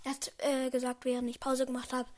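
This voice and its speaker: A woman's voice: high voice, monotone, fairly quick, a little mellow. A young girl making chatty, playful asides between passages of a story reading. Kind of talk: casual asides.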